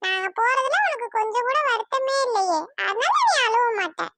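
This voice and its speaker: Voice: extremely high pitch, animated, normal speed, very noisy. A voice artist playing a playful young man in a cartoon, speaking in a teasing, sing-song way. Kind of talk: cartoon voice acting.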